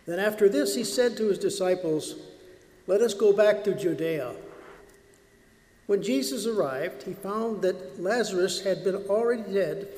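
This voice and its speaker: A man with a fairly high voice reads the Gospel slowly and solemnly, as a priest or deacon at a service. His words hang in a cathedral echo, the long reverb of a big stone church carrying each phrase. The sound is roomy and distant from the walls. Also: a little mellow. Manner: measured, solemn proclamation. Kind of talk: liturgical Gospel reading. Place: large church.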